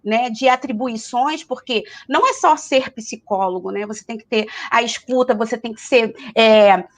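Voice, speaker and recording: Woman hosting a live chat over a video call. Her voice is a bit high, and she hesitates a lot with tag questions. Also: normal speed. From Rio de Janeiro, Brazil. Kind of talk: casual live-stream chat.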